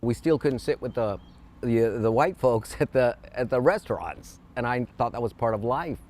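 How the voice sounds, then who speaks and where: A man in his sixties, a TV station employee, recalling his past in a reflective, halting interview. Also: mid-range voice, a little mellow. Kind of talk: candid interview.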